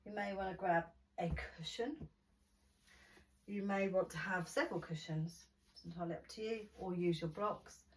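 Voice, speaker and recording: A woman leading a gentle prenatal yoga class, guiding slowly and soothingly, at times dropping almost to a whisper. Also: on the low side, fairly even intonation. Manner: slow, soothing instruction, softening to near whisper. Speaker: yoga teacher. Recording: voice from a distance off the mic.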